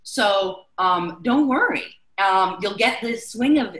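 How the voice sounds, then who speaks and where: A woman's voice: medium pitch, lively intonation, slow, fairly bright tone, roomy sound, rough recording. A woman chef instructor from Chicago leading a live online class, chatty and loose with many fillers.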